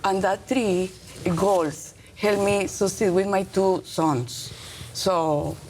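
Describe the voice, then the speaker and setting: A middle-aged woman with a Colombian accent answers interview questions as a teacher. She speaks halting, earnest English in short, emphatic phrases, her pitch ordinary for a woman. A faint noise sits behind her voice. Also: fairly even intonation, darkish tone. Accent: Colombian Spanish. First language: Spanish.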